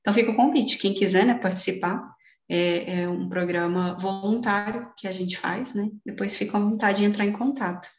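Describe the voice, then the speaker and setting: A woman's voice: medium pitch, a little fast. Woman explaining mindfulness, roomy dull audio. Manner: lively, warm, uses personal examples. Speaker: guest speaker on mindfulness. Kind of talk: explanatory talk in an online meeting.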